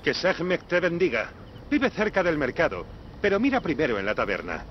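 Anxious, pleading temple official, animated delivery, muffled game audio with faint noise. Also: male voice, on the high side, moderate pace. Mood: worried. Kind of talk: dubbed video game dialogue.

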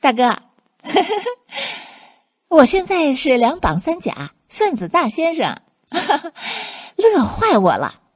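A woman voicing an excited young scholar who just came first in an exam, talking in breathless exclamations. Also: high-pitched, slow pace, pauses often, voice pushed up, full character voice. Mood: gleeful. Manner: breathless, exclaiming, laughing through words. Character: giddy young top-ranked scholar, bouncy and boastful.

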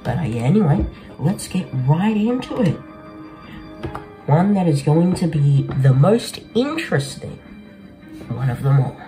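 This gaming video host's voice sits on the high side yet carries a dark tone, with a sing-song lilt, an unhurried pace, and long pauses. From a small indoor bedroom, the young man gives casual, slang-filled commentary to his audience as music plays.

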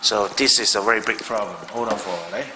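A Malaysian man in his thirties talks fast in a lowish, pushed and bright voice with fairly even intonation, reviewing a gadget at his home desk on a handheld phone. He's casual and thinks aloud with fillers. The recording has a little hiss or hum, long reverb in a roomy space, and music in the background.

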